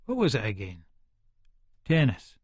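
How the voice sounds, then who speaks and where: Medium in pitch but swooping wildly, this male voice keeps a measured pace and sounds a little mellow and slightly rough, fully in character, with clean studio sound and no room tone. An actor portrays a hot-headed, foul-mouthed Scottish hard man, aggressively narrating an audiobook in first person with a colloquial Edinburgh accent. The dramatic tone is scornful and irritable.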